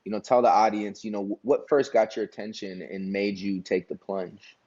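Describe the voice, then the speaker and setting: Hyped-up man hosting, mellow lo-fi sound. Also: on the low side, flat delivery, normal speed. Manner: hyped, slangy, addresses audience as y'all. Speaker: podcast host. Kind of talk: casual interview chat.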